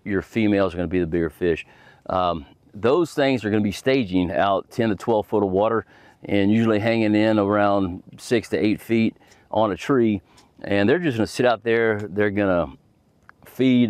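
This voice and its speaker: Middle-aged fishing host, low-pitched and folksy, rambling how-to talk outdoors on a boat, dry close sound. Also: male voice, darkish tone, no room sound. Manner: folksy, rambling, full of fillers. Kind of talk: casual instructional talk.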